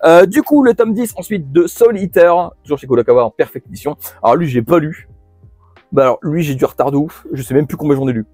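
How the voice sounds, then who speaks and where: A man's voice: fairly high pitch, animated, quick pace, a little mellow, no echo, studio quality, soft background music. A man hosting a casual monthly manga haul video, chatty, with many fillers and restarts. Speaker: manga channel host.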